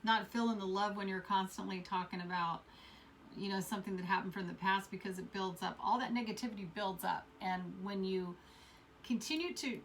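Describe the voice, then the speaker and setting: A woman's voice: medium pitch, fairly quick, a bit bright, distant mic, slight background noise. Rambling woman reading tarot cards. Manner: rambling, repeats words, many fillers. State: coughing fits. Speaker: tarot reader. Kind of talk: casual tarot reading to camera.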